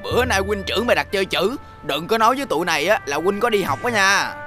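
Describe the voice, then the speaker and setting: An actor playing a fawning, easily amused drinking buddy in a comic TV folk-tale drama. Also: male voice, high-pitched, expressive, quick pace, pushed and bright. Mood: flattering. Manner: agreeable, egging others on. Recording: soundtrack music behind the voice.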